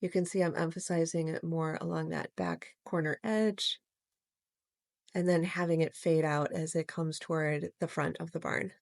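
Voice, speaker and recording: A woman narrating her watercolor painting step by step in a gentle, explanatory way, as host of a real-time art tutorial. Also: low-pitched, fairly even intonation, moderate pace, no echo, clean studio sound.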